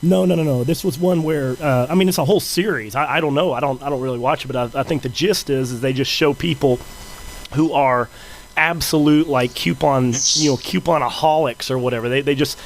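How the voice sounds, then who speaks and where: A man's voice: mid-range voice, a little fast, poor audio. A man co-hosting a casual podcast, sounding sick, talking in a dry, laid-back way. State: sick, slightly hoarse. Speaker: podcast co-host.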